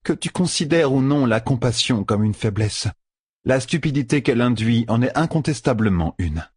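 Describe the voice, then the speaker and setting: A man plays a stern sorceress in a fantasy audiobook, lifted a little above his husky reading voice. She is cold, cutting and lecturing, over a dry, close sound. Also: medium pitch, animated, moderate pace, darkish tone, dry recording, pitched above the performer's own voice. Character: cool, stern, sharp-tongued female sorceress.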